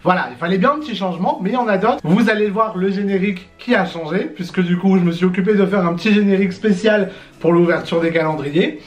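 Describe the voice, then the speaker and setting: A man co-hosting a casual vlog, excitable and playful, laughing often. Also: sits high, quick pace, hardly any pauses, faint music behind. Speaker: YouTube co-host.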